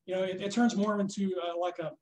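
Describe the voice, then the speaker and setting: A man teaching a snare drum masterclass, coaching a student hands-on and checking in often with a quick "okay?". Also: sits high, flat delivery, a little mellow. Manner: instructive, checks in with frequent "okay?". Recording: echoey room.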